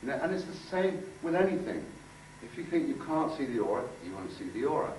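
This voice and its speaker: A man with a mid-range, sing-song, slightly mellow voice speaks from a distance in an echoey room, with a distant mic and faint noise. He's a workshop speaker and aura healer addressing a group indoors in an informal talk with demonstration and guided visualisation, speaking in a halting, conversational way and repeating phrases for emphasis.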